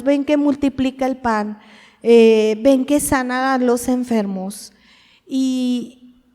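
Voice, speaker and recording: A woman with a fairly high voice preaches a sermon. She talks to the congregation in a conversational way, asks them questions and acts out short quoted lines of dialogue. A long hall reverb trails her words. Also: a little mellow.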